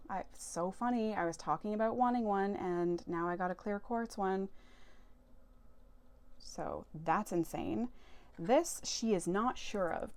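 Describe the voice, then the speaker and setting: A woman's voice: mid-range voice, a little mellow. A woman chatting casually as she shows off a haul of crystals, enthusiastic and prone to correcting herself. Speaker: tarot and crystal vlogger. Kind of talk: casual show-and-tell haul.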